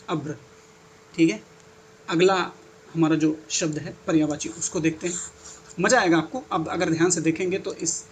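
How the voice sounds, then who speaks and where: A man's voice: on the high side, a little hiss or hum. A young adult male teacher giving an exam-prep lesson, reading out word lists with enthusiastic, chatty asides. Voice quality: enthusiastic, chatty asides between listed words.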